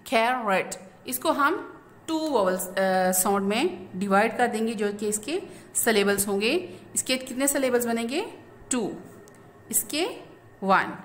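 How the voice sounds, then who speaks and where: A woman teacher explains a grammar lesson slowly, asking questions and then answering them herself. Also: a little high, a bit bright. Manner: slow, explanatory, asks and answers own questions. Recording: echoey room.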